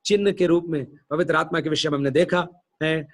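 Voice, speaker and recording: A middle-aged pastor from India preaching a sermon, telling a personal story and acting out the dialogue with lively shifts of voice. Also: male voice, a little fast, creaky. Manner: animated storyteller, acts out dialogue with shifting pitch.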